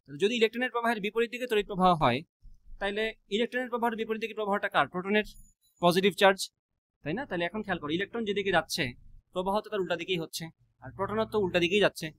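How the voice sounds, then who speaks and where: A man teaches a physics class, quizzing students with quick rhetorical questions and mixing English math terms into his speech. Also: high voice, fairly bright tone. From Bangladesh.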